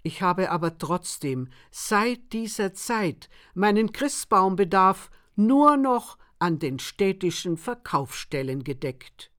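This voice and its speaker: A woman narrating a humorous story in a measured storytelling manner. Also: medium pitch, expressive, fairly bright tone. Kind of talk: scripted narration.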